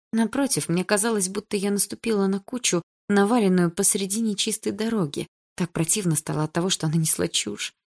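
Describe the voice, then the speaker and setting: Low-voiced woman narrating a novel. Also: a little mellow. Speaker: audiobook narrator. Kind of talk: first-person novel narration.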